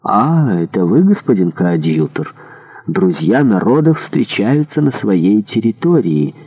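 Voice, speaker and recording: A man's voice: fairly low pitch, very animated, a little slow, breathy edge, long reverb tail, exaggerated voice. A man voicing a noble male duke who speaks formally and courteously. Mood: courtly. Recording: tinny narrow-band audio.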